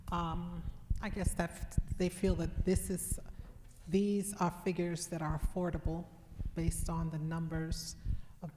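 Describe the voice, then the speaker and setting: A woman's voice: fairly low pitch, slight background noise. A woman giving a church workshop on elder law, answering questions and telling client stories. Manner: storytelling, animated when recounting clients. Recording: long hall reverb in church.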